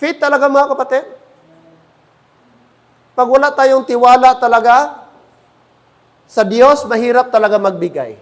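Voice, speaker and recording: A man's voice: extremely high pitch, a little slow, long pauses, in a large hall. A man with a Filipino accent preaching a sermon as pastor, switching between Tagalog and English and often calling out to the congregation. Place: church.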